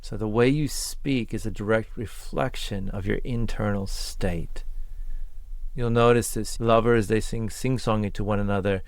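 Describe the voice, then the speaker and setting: A man's voice: lowish voice, steady tone, unhurried, no room sound. A man talking as a voice coach, giving an earnest and encouraging spoken lesson in short listed phrases.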